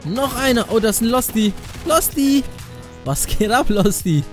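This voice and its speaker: A young adult man hosting a gaming video, talking casually and playfully in youth slang with an excitable manner. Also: very high voice, normal speed. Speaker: gaming video creator and host. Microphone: studio condenser microphone up close. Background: faint music.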